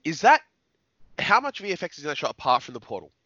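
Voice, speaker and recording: A man hosting a podcast, asking quick, eager questions. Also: fairly high pitch, big pitch swings, bright, forceful tone, dry recording. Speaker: podcast host. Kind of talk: casual podcast chat. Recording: dry, slightly dull sound.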